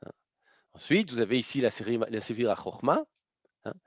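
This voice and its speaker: A man's voice: mid-range voice, big pitch swings, a little fast, dry recording. Man teaching, full of questioning tags. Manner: explanatory, punctuated by frequent tag questions. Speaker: lecturer. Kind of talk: lecture to a live audience. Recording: dull, slightly muffled lo-fi sound.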